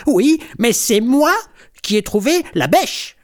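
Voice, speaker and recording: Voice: mid-range voice, sing-song, moderate pace, voice pushed up. A storyteller voicing a bossy little girl kitten who protests indignantly in a storybook. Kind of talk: storybook reading.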